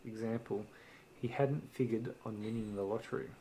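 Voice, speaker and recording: A man with an Australian accent, chatting casually as a homestead vlogger, relaxed and laughing at himself. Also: fairly low pitch, normal speed, a little hiss or hum. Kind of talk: casual chat.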